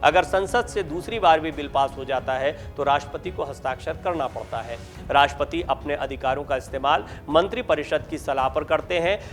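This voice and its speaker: Guy doing a news voiceover, kinda high voice, steady formal reading, light music under it. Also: fairly quick, few pauses. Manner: steady, formal explanatory read. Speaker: news narrator. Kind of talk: scripted news voice-over. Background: faint background music.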